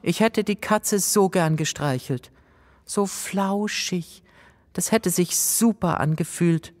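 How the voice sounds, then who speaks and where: A man's voice: extremely high pitch, expressive, a little slow, voice pushed up. A man voicing an eager young girl who loves animals. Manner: gushing, coaxing. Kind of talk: storybook character voice.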